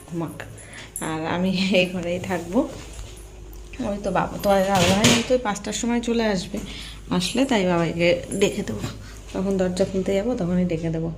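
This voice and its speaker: Chatty gravelly woman vlogging at home. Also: medium pitch, a little hiss or hum. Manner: chatty, rambling, many fillers. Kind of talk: casual home vlog narration. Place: home kitchen and bedroom.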